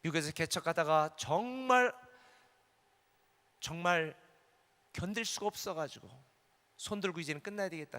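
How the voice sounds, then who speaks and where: A middle-aged male pastor preaching a sermon, moving between quiet confessional testimony and loud, fervent declarations. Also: a little high. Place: large hall at a conference. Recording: echoey hall with long reverb.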